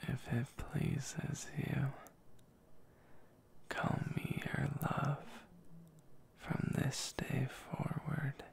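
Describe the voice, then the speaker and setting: A man performs a whispered role-play as a tender, devoted boyfriend reading a love letter. His breathy whisper is extremely slow and heavily crackling with fry. The delivery stays very even from line to line. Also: mid-range voice. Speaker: ASMR boyfriend role-player.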